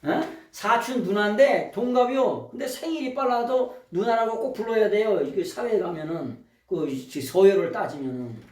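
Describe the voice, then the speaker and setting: Animated pastor preaching in an echoey church. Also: male voice, normal speed, few pauses, distant mic. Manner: preaching with call-and-response questions to the congregation; swings from loud shouting to quiet low asides. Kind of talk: sermon. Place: church sanctuary.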